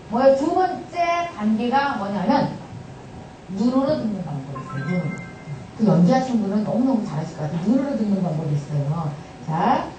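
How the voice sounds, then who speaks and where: Lively female lecturer, high voice, animated delivery acting out family scenes, distant mic in a roomy, noisy hall. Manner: animated, acts out family dialogues with the audience. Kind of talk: lively lecture to a live audience. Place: large hall with audience.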